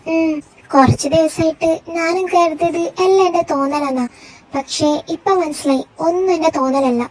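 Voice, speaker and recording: A woman doing a young woman's best friend in a fan fiction audio story. Her very high voice is caring and coaxing as she keeps pushing for the truth and then offers comfort. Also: fairly even intonation, moderate pace, a little mellow, slight background noise, rough recording. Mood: concerned. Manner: pressing, reassuring, chatty.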